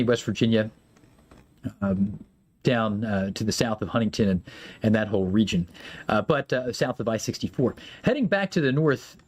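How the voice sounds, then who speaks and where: A man, a meteorologist, giving live severe weather commentary in a conversational way with many fillers and lively swings in pitch.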